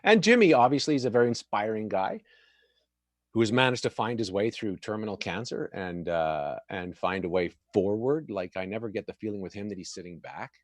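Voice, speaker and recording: Chatty, laughing man host with a low voice. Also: lively intonation, brisk, no room sound, studio quality. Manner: laughs often, chatty, self-deprecating. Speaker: show host. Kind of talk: casual chat.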